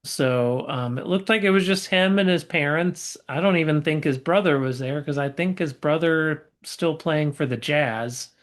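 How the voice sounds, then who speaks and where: A woman from Oklahoma with a faint drawl co-hosting a casual sports podcast, bantering at an easy, unhurried pace. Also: low voice. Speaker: podcast co-host. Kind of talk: casual chat.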